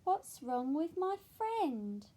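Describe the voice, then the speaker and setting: A woman voicing a small, kind young penguin in a children's picture book, with an eager, bright read-aloud voice. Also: sits high, big pitch swings, takes it slowly, pitched above the performer's own voice, full character voice.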